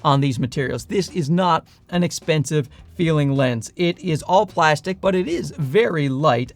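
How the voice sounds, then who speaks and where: A man with a light, leprechaun-like voice gives a chatty, enthusiastic product review with dry, self-deprecating asides. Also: a little high. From Newfoundland, Canada. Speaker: camera gear reviewer. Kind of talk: casual product review to camera.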